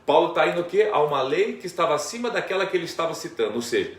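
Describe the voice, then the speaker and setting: Pastor teaching scripture, chatty explainer, recorded from a distance in an echoey room. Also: male voice, a little high, animated, very fast. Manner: explanatory, many tag questions. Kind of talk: Bible study teaching.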